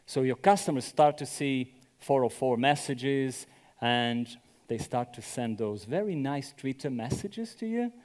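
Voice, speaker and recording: A man's voice: mid-range voice, animated, unhurried, darkish tone. A man from Brazil giving a conference talk, chatty, often asking the audience "right?". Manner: conversational, often checks with "right?". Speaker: conference speaker. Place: conference venue. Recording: echoey hall reverb.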